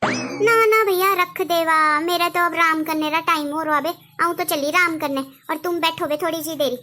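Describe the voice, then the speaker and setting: A woman playing a sharp-tongued, lazy sister-in-law who scolds and makes excuses. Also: extremely high pitch, little pitch movement, fairly quick, soft background music. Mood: taunting.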